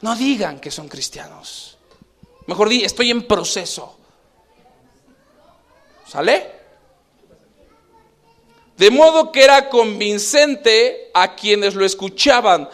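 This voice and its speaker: High-voiced man preaching a lively sermon. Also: slow pace, long pauses. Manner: animated preaching, acts out scenes with shifting voices. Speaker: pastor.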